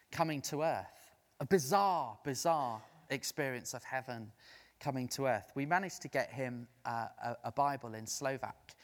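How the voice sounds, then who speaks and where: A man preaching a sermon as a lively storyteller who acts out the voices of the people he quotes. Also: medium pitch. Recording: long reverb of a large hall.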